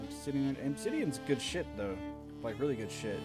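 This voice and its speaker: A man's voice: mid-range voice, big pitch swings, moderate pace. Swearing man playing a game. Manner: swears a lot, reads dialogue aloud. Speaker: gamer. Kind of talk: casual let's-play commentary. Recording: game music behind.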